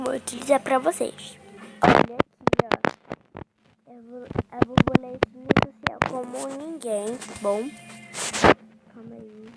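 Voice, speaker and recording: A woman with a Brazilian accent chatting casually into a phone as she walks through a screen recording, tagging her lines with a quick question. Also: sits high, creaky, poor audio. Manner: chatty, keeps tagging "tá bom?". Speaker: vlogger.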